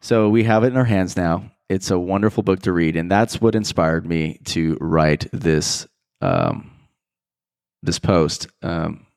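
A man's voice: deep voice, animated, measured pace, creaky, darkish tone, clean tone, no echo, clean studio sound. A man hosting a podcast, talking in a casual, reflective monologue that rambles thoughtfully, with frequent restarts and fillers. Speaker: podcast host.

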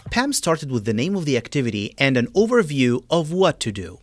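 A man's voice: medium pitch, very animated, brisk, over loud music. A man hosting an education podcast, reading scripted introductions and an upbeat outro. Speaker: podcast host.

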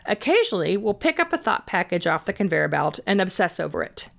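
A woman's voice: lowish voice, big pitch swings, brisk, vocal fry. A woman host giving scripted self-help advice in an upbeat, orderly way, leaning on key words. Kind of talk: scripted advice narration, tips addressed to the listener.

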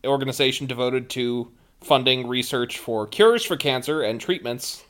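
A man's voice: mid-range voice, moderate pace, fairly bright tone. A man hosting a tabletop game podcast as game master, talking casually and a little hesitantly.

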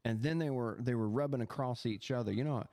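A man hosting a podcast, telling a personal spiritual experience in an animated, halting way with many restarts. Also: medium pitch, no room sound. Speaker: podcast host.

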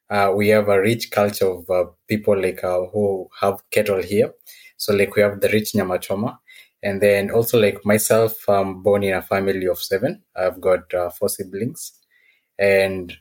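A man from Kenya with a Kenyan accent, giving casual, somewhat hesitant answers as a podcast guest. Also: low voice. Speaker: podcast guest, technology professional.

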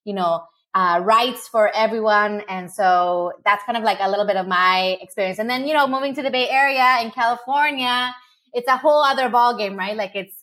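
A body positivity creator from Mexico appears as a guest in a virtual interview over a video call, chatting casually with lots of fillers and restarts. Her voice is fairly high, brisk, and fairly bright.

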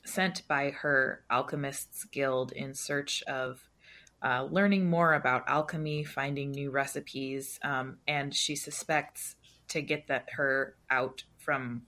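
A woman describing her character in a tabletop game, deliberate, with fillers. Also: very deep voice, fairly even intonation, pushed and bright. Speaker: player.

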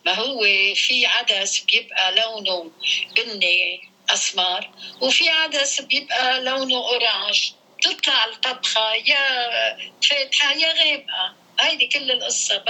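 A woman's voice: a little high, moderate pace, bright, forceful tone, rough recording. A middle-aged or older woman with a Lebanese accent chatting casually on a family call in a motherly, explanatory way. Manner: motherly, explanatory, uses endearments and proverbs. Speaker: mother on a call with her grown daughter. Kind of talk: casual family phone chat.

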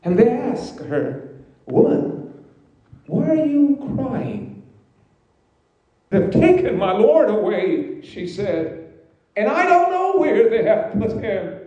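A man preaching a sermon, slow and emphatic, with dramatic pauses. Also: high voice, big pitch swings, dark tone, lo-fi sound. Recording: very echoey hall.

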